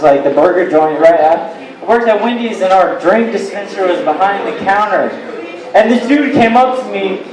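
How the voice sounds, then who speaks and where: A man's voice: high voice, echoey room, rough recording. A young man doing a rambling, crude, self-mocking stand-up set at an open mic in a bar. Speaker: stand-up comedian. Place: bar with a live crowd.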